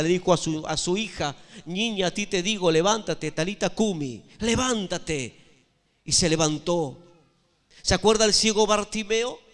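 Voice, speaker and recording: Male pastor, high-pitched emphatic preacher, church with long reverb. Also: a bit bright. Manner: emphatic preaching with repeated phrases and questions to the congregation. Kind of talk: sermon.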